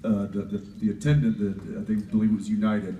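A man's voice: on the low side, little pitch movement, a little fast, narrow, tinny audio, heavy background noise. A man telling a meandering anecdote on a convention panel, with restarts and asides. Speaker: panel guest. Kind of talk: rambling anecdote on stage. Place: convention hall stage. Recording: roomy hall, voice from far off.

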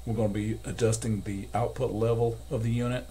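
Working in a cluttered indoor electronics workshop, an older technician walks through a hands-on calibration demo one step at a time. His fairly low voice is gravelly, creaky and warm, delivered flatly and fairly fast, captured in a noisy room.

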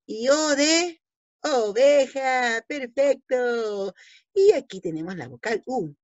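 A hoarse woman teaching young children in an online lesson, drawing out her words slowly and playfully. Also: high-pitched, expressive, a little mellow, dry recording. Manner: slow, sing-song, drawn-out words for small children. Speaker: preschool teacher. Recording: dull, lo-fi home video audio.

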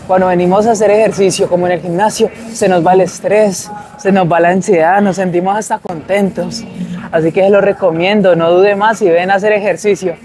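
Between gym sets, a young adult fitness vlogger chats to camera in an upbeat, casual way. His voice is high and brisk with fairly even intonation, and the setting moves from a large indoor gym to a shopping mall walkway.

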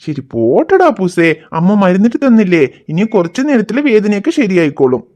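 A performer voicing a patient cartoon father who calmly reassures his children and explains things to them. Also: medium pitch, a little fast, close to an everyday voice. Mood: gentle. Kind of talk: cartoon voice acting.

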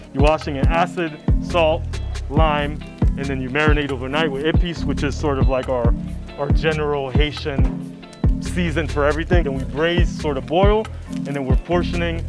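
A man in his thirties, a chef, explaining his cooking in a relaxed way with many fillers. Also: fairly high pitch. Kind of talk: documentary interview. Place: rooftop grill, outdoors.

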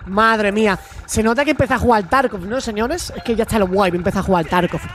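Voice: medium pitch, fast, a bit bright, slight background noise. Swearing streamer from Spain. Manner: swears freely, exclaims at the game. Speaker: gaming streamer. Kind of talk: casual let's-play chat with chat replies.

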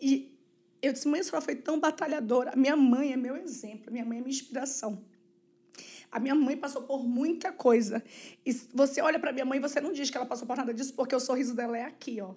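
A high-pitched woman with a Brazilian Portuguese accent, speaking as a podcast guest. Her telling is earnest and emotional, and she slips into the voices of the people she quotes. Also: steady tone, fast, warm tone, slightly rough. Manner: acts out quoted dialogue. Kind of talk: personal storytelling in a casual interview.

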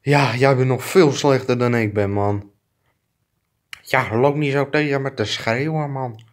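Man voicing two clumsy neighbor guys, bickering, crude insults, slow drawn-out talk, mid pitch. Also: lightly acted. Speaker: fan dubber. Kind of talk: improvised comic fan dub.

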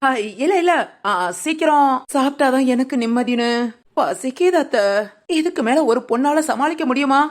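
A woman's voice: high-pitched, normal speed, natural voice. A woman voicing a cheeky, lazy young village daughter-in-law in a cartoon, teasing and talking back. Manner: sly, teasing, talks back. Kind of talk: cartoon voice acting.

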